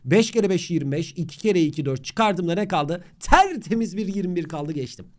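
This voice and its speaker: A man's voice: high-pitched, sing-song, normal speed. A young man teaching a math lesson on video, talking straight to the student in a playful, joking way. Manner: playful, talks directly to the student, jokes and mock chants.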